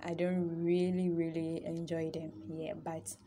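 A woman's voice: sits low, measured pace, slight background noise. A young Ghanaian woman vlogging a food review, talking with a fork in her mouth. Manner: chatty, relaxed, thinking aloud between bites. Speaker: travel vlogger. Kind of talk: casual food review vlog. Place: restaurant.

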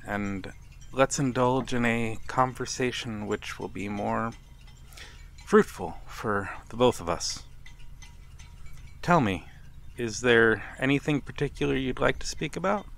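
In this ASMR audio roleplay, a man voices a courtly, old-world vampire who is a stranger by a harbour, wistful and slow-spoken. His medium-pitched voice is creaky, and the mood is wistful and reassuring. He delivers a slow, intimate monologue gently and formally, pausing haltingly amid soft chuckles and sighs.

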